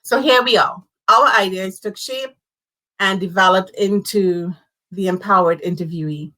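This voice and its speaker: A woman hosts a live-streamed career talk, her voice bright and forceful. She talks in an animated, conversational way and leans on key words. She comes through as if on a video call. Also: medium pitch, measured pace, rough recording. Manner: animated, conversational, speaks with emphasis. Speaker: host.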